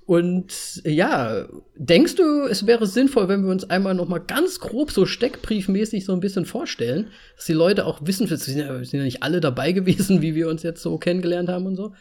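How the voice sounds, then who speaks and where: Ein Mann in den Dreißigern mit leicht erhöhter Stimmlage führt als Podcast-Host ein lockeres Gespräch. Er erzählt ausschweifend und plaudernd und lacht dabei oft. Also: male voice, sits high, very animated, brisk, hardly any pauses, a little mellow. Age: 30s. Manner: chatty and rambling, laughs often. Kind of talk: casual chat.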